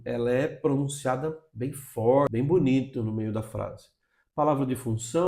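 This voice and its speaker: A man's voice: a little high, mellow, roomy sound. A Brazilian man with a Brazilian Portuguese accent, explaining English pronunciation in a video lesson and checking in with "tá?" as he goes. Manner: explanatory, frequent "tá?" check-ins. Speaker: English teacher.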